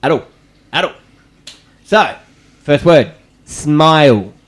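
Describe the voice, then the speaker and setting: A man hosting a casual music interview, playful and quick to laugh. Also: fairly high pitch, lively intonation. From Greek family background. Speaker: host.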